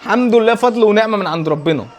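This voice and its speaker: A man with an Egyptian accent reacting live to a football match, with a rapid, exasperated running reaction and repeated urgings. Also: sits high, lively intonation.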